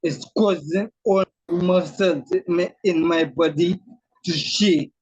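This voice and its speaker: A man's voice: sits high, takes it slowly, darkish tone, breathy edge, no echo. A man with a voice that shakes from a throat tremor, earnestly telling his personal story as a guest over a video call. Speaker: author guest. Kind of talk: personal testimony in an interview. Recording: muffled lo-fi call audio.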